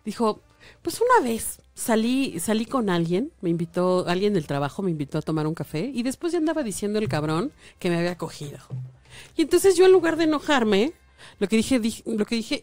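A woman's voice: on the high side, very animated, brisk, darkish tone, no room sound, soft background music. A woman with a Mexican accent chatting casually on a podcast and eagerly chiming in with her own remarks and stories. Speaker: podcast guest. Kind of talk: casual chat.

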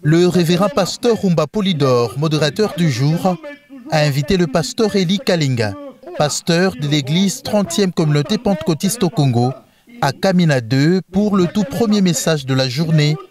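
A man reporting on a church convention in a formal, measured news voice-over, with some fillers in the live parts. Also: fairly high pitch, animated, crowd noise.

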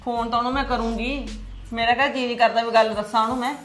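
A woman playing a protective, quick-talking mother. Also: a little high, fairly even intonation, fairly bright tone, faint music behind, natural voice. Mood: worried. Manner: pleading, protective. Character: anxious protective village mother.

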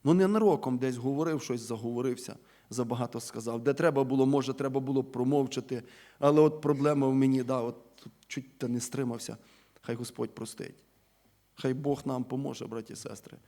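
A man's voice: mid-range voice, steady tone, fairly quick. Emphatic male preacher in a church. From Ukraine. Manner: emphatic, rhetorical questions, swings between loud stresses and quiet falling endings; addresses listeners as brothers and sisters. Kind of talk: sermon.

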